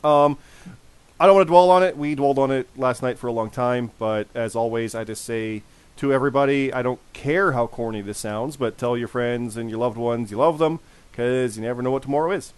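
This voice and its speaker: A man in his forties with a hoarse, worn voice, hosting a casual podcast and repeating phrases for emphasis. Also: medium pitch, brisk, no room sound. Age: 40s. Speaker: podcast host.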